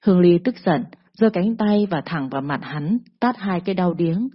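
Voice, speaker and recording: Woman storyteller, vivid scripted narration, husky, muffled audio. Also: lowish voice, animated, normal speed. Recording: dull lo-fi recording.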